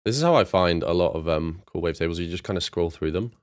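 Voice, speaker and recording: Deep-voiced man with dry sarcasm. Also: fast, music in the background. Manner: dry sarcastic, laid-back, chats to viewers while working. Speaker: music producer streaming live. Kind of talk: casual live-stream chat with sarcastic asides.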